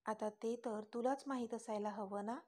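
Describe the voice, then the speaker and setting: A confident young lover who teases and corners the girl with pointed questions, smirking as he talks, read by a woman storyteller. The voice sits a little high, kept close to her own reading voice. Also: steady tone, normal speed, warm tone, lightly acted. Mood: teasing. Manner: teasing, smirking, pressing questions. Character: teasing confident young man in love.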